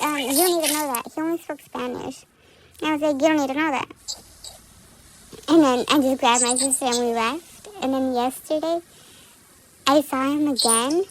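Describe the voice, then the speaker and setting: A woman's voice: sits high, rough recording. A teenage girl co-hosting a podcast, chatting casually and telling stories bluntly, with frequent swearing. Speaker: podcast co-host. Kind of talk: casual chat.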